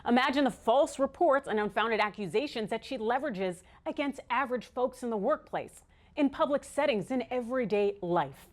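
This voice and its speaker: Female American host for opinion news, slightly high voice, very animated intonation, emphatic and sardonic. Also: moderate pace. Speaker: online news show host. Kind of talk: scripted opinion commentary.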